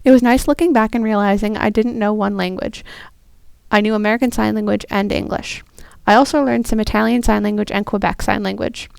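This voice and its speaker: A young woman, a student interpreter, voicing a first-person story in an earnest, steady way. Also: mid-range voice, fairly quick, gravelly, clean tone, no echo. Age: young adult.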